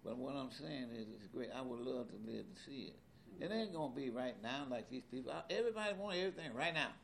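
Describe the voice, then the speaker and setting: A man in his seventies in a casual conversation as an interviewee, animated and repetitive, with loose colloquial speech. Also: mid-range voice, fast talker, creaky, slight background noise. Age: 70s. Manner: animated, repeats words, loose colloquial grammar.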